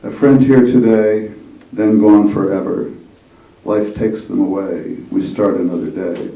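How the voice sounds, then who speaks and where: An older man with a low, dark voice reads a poem slowly and plainly, then introduces a guest as the host. He is heard from a distance in a roomy, echoing hall. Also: fairly even intonation, creaky. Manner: slow, measured, plain delivery. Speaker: event host and poet. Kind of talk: poetry reading and introduction. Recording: roomy echo, mic far off.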